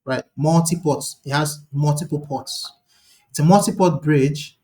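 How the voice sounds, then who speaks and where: A man teaching a live online lecture, talking quickly and thinking aloud, often restarting his sentences. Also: a little high, darkish tone. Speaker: instructor.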